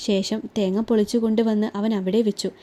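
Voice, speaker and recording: In scripted narration of a romantic serial, a woman reads with a warm, mellow tone. Her pitch sits in the middle range for a woman, and her calm, even delivery moves at a steady, unhurried pace.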